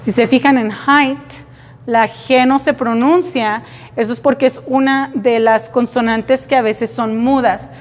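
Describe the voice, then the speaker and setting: A woman teaching an English class slowly, repeating example words for her students. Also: a little high, steady tone. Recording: reverberant classroom.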